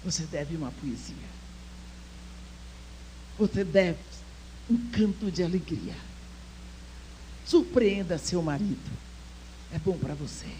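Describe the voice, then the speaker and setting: An older woman with a low-leaning, animated voice speaks slowly and pauses often at a church women's conference. Telling a personal story with feeling, she drops to near-whispers and rises to urge listeners on, in a rough recording with a little hiss or hum.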